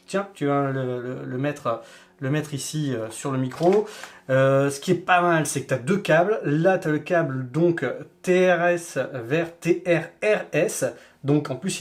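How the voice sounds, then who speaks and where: A man with a somewhat raised pitch talks through a casual unboxing on his vlog. He speaks directly and informally to the viewer, as if to a friend. His voice is picked up by a shotgun mic mounted on top of the camera. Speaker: vlogger reviewing gear.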